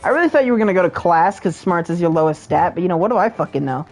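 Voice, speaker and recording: Quick-talking woman narrating a game, crude and joking, lowish voice. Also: animated, a little mellow, faint music behind, poor audio. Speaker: player reading the game aloud. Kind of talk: casual profane let's-play narration.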